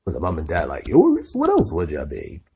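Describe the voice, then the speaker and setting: A man voicing a huge, hot-tempered but kindly gamekeeper, booming and growling in an audiobook. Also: huge pitch swings, normal speed, creaky, a little mellow, slight background noise, full character voice. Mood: hearty. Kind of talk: audiobook character voice.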